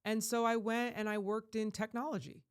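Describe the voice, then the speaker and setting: A woman's voice: fairly high pitch, little pitch movement, moderate pace, clean tone. Impassioned ranting woman vlogger. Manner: emphatic, ranting, surging to loud peaks; rambling with frequent restarts. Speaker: life coach. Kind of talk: impassioned vlog monologue.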